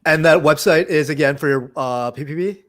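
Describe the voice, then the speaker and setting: This man hosts a Python meetup livestream over a video call, interviewing guests in a casual, friendly way full of "uh" and "like." His voice sits on the high side, brisk and fairly bright.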